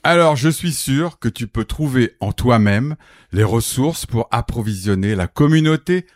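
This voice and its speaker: A man's voice: mid-range voice, animated, unhurried, no echo, studio quality, natural voice. A man playing a swooping, pompous guru messiah. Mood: firm, unctuous. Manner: preachy, grandiloquent, turning curt. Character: self-styled messiah guru, pompous, greedy. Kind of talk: comic radio serial acting.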